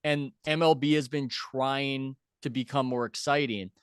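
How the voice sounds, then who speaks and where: A man's voice: mid-range voice, fairly even intonation, smooth, no echo, studio quality. A man hosting a sports talk show, arguing his opinions emphatically and changing his pace for stress. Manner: argumentative, emphatic, speeds up and slows down. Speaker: show host.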